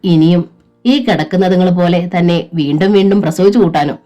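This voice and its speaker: A woman voicing a wronged young wife and mother who speaks quietly but firmly. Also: lowish voice, brisk, highs cut off, faint music behind, lightly acted. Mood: defiant. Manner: quiet, firm.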